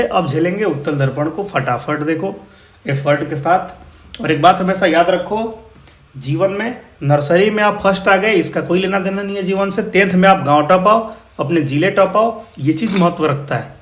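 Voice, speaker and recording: A man's voice: sits high, normal speed. A man with a Bihari accent teaching physics numericals in a casual, encouraging way, often calling his students brother. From India. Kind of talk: explaining exam problems.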